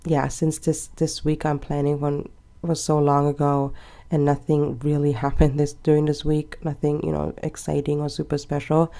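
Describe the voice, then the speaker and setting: Decorating her planner, this twenties-aged vlogger talks casually and wanders off topic, laughing softly now and then. She speaks in a low register with noticeable vocal fry.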